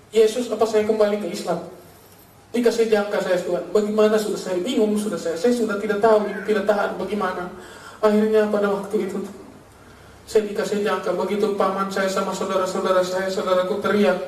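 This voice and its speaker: A man's voice: high voice, darkish tone. A man from Makassar with a Makassar accent, giving an emotional sermon testimony and calling his listeners "brother" after nearly every phrase. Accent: Makassar Indonesian. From Makassar, Indonesia. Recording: echoey room, mic far off, faint hiss.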